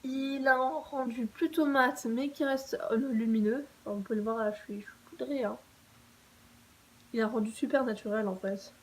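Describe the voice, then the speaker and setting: A woman's voice: fairly high pitch, steady tone, moderate pace, rough recording. A young woman talking casually to camera, reviewing her favourite makeup products in a chatty, enthusiastic way with frequent fillers and restarts. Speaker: beauty vlogger.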